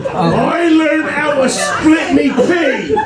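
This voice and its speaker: Hammy pirate cook, echoey hall. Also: male voice, extremely high pitch, lively intonation, extremely slow, a crowd in the background, heavily acted. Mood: boastful. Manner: hammy pantomime delivery, shouted questions to audience. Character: blustering comic male pirate ship's cook. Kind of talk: amateur pantomime stage acting. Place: small stage in a hall, distant camera. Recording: echoey hall from far off, loud audience.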